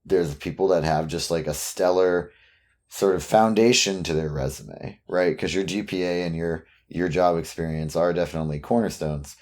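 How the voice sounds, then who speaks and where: A man with a very deep voice hosts a podcast interview. He frames his questions casually, piling up "like"s and ending them with "right?" to pull in his guest. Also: moderate pace, darkish tone. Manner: leading questions with frequent "right?" and "like". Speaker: podcast host.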